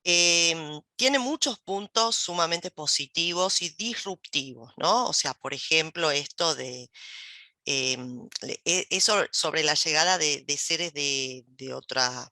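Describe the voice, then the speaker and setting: Bright, dry-voiced woman recommending a film. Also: sits low, expressive, takes it slowly, no echo. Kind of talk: live online workshop talk.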